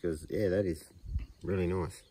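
A man's voice: sits low, fairly even intonation, measured pace. A middle-aged man with an Australian accent chimes in laconically with short agreeing replies while he reviews a beer outdoors with his mate. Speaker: co-host. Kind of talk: casual beer review chat. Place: outdoors under a tree in the country. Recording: loud outdoor noise, a bit distant.

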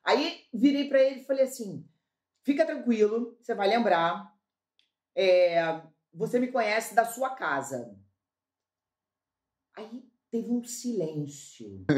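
A woman from Brazil telling a comic story as a talk-show guest, acting out the dialogue with lively energy. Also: mid-range voice, takes it slowly, pauses often, echoey room. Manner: animated, acts out quoted dialogue, laughs while telling.

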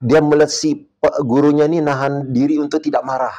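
A man's voice: fairly high pitch, steady tone, fairly quick, mellow, muffled recording. A man, a martial arts coach, talking on a podcast and telling a story, acting out the people he quotes and dropping English words into his speech. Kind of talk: casual podcast talk.

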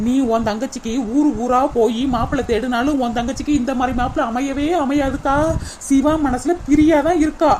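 A woman's voice: sits high, fairly even intonation, a little fast, darkish tone, a little hiss or hum, lightly acted. A woman voicing a bold, outspoken young village woman in a cartoon comedy, with a blunt, pushy way of talking. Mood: urging.

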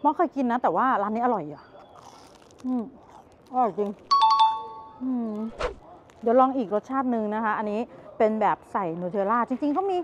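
A woman's voice: on the high side, moderate pace, pauses often. A woman in her thirties chatting to viewers as she tastes snacks and browses a market, filmed outdoors at arm's length. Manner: chatty, tasting and commenting, talks to viewers. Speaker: travel vlogger. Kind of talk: casual food and market vlog. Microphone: handheld camera at arm's length. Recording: muffled outdoor recording with street noise.

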